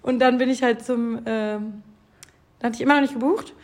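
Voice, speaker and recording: A young woman in casual chat, telling a story with animated quoted voices and frequent laughter. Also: a little high, moderate pace.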